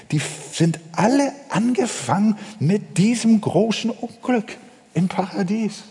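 A man preaching a sermon, swinging from ringing emphasis to hushed low tones, with hesitant fillers between phrases. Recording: long hall reverb.

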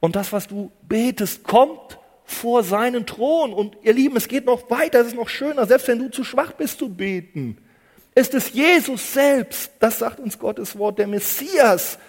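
A man preaching a sermon with a dramatic delivery, dropping to hushed low phrases and rising to loud emphatic cries, and repeating phrases for emphasis. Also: animated, unhurried, big-room sound.

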